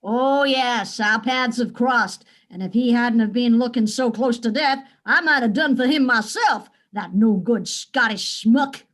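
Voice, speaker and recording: Actress as a forceful woman, blunt and scornful, slangy, slightly high voice, stage murder mystery. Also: unhurried, few pauses. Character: brash forceful American woman traveller, middle-aged. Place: theatre stage.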